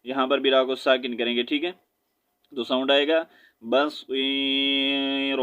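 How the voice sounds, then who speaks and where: A man with a Pakistani Urdu accent teaching a Quran lesson, spelling out syllables slowly and chanting verses in a drawn-out melody. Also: medium pitch, fairly even intonation, a bit bright.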